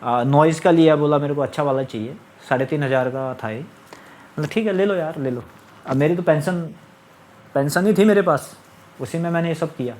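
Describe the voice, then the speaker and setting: A man's voice: on the high side, moderate pace, darkish tone, slight background noise. Aggrieved man talking straight to camera. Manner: aggrieved, recounting and quoting others. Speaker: vlogger. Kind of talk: casual monologue to camera.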